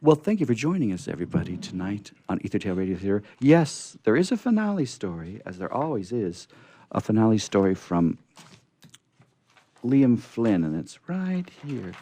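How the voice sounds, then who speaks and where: A man with a lowish, mellow, sing-song voice reads at a moderate pace. As host of a radio theatre, he gives a chatty, dramatic live story reading before a small group.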